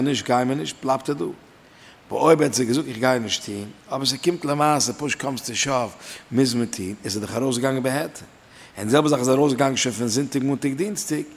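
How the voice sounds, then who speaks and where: A man's voice: medium pitch, long reverb tail. A man teaching a Torah lesson in a sing-song study chant, his emphasis rising and falling. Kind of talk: Talmudic lecture in Yiddish-inflected German.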